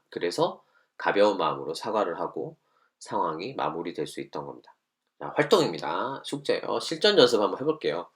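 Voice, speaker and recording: Lively-voiced male teacher explaining. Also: low-pitched. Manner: explains step by step, acts out short example lines. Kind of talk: online class lesson.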